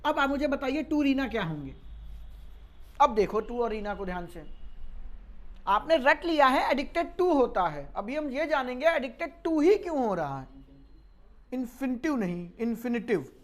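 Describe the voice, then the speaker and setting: A woman's voice: high-pitched, big pitch swings, measured pace. A woman teaching English grammar in a lecture, scolding and teasing her students. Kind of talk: classroom lecture.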